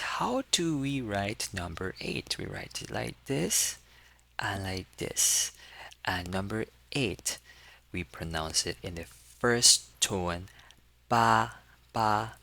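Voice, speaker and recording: A man's voice: low-pitched, animated, slow, gravelly, bright, forceful tone. A man giving a casual lesson, patiently demonstrating and repeating sounds for learners to copy. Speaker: language tutor. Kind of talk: casual teaching walkthrough.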